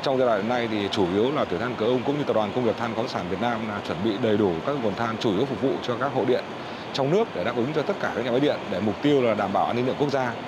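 A man's voice: mid-range voice, quick pace, heavy background noise. A man, a coal company manager, gives a formal news interview outdoors at an industrial site, with fillers and restarts.

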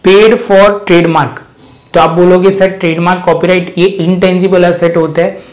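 A man's voice: high-pitched, little pitch movement, low-quality recording. A male commerce teacher with a Gujarati-influenced Hindi accent, lecturing students point by point and calling them "child". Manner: addresses students as "child", quick point-by-point explanation. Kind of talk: classroom lecture.

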